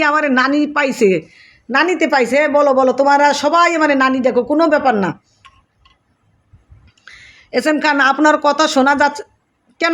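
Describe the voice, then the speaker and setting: A woman hosting a live stream speaks with a bright, high voice. She reads out viewers' comments as they come in. She calls each viewer by name and keeps thanking them.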